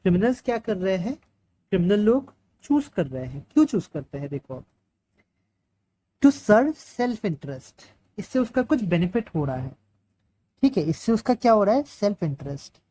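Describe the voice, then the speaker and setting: A woman's voice: medium pitch, big pitch swings, moderate pace, warm tone, poor audio. A woman with an Indian accent giving a lecture, explaining step by step and asking and answering her own questions. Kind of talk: Hinglish classroom lecture.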